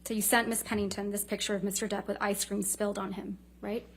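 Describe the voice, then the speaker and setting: A woman's voice: medium pitch, little pitch movement, fast talker, slight background noise. Pointed woman lawyer in cross examination. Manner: pointed, clipped leading questions ending in tag questions. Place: courtroom.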